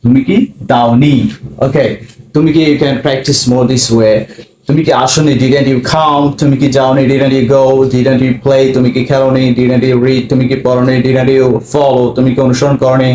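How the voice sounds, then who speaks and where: A man from Bangladesh teaching a spoken English lesson, slowly drilling phrases. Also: mid-range voice, flat delivery, a little mellow. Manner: slow, repeats drill phrases. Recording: echoey room.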